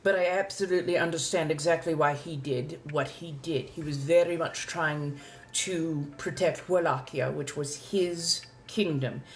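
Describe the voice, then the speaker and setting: A woman's voice: low voice, fairly even intonation, slight background noise. A woman playing an ancient, genteel female vampire with a posh colonial accent, speaking formally and courteously as she chats live in character. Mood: gracious, chatty. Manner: refined, formal, old-fashioned wording, drawn-out deliberate phrasing. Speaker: livestream host answering viewer questions. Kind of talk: in-character live question-and-answer chat.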